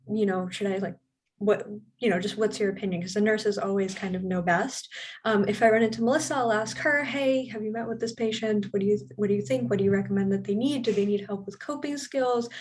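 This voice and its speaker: A woman's voice: medium pitch, a little hiss or hum. A young woman working as a hospital mental health specialist, talking casually and acting out her conversations with patients and nurses. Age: young adult. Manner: chatty, acts out dialogue with patients. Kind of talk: casual panel talk.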